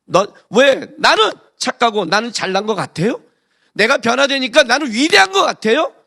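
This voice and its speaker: Male pastor, gravelly high voice, lively sermon delivery with sudden loud bursts. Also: moderate pace. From Korea. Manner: emphatic, swings between hushed asides and loud exclamations; talks directly to congregation with rhetorical questions.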